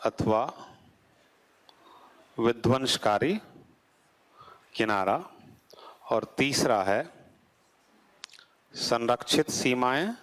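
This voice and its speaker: A man's voice: medium pitch, fairly bright tone. Male teacher lecturing with rhetorical questions. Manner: asks the class rhetorical questions, then answers them. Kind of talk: classroom geography lecture.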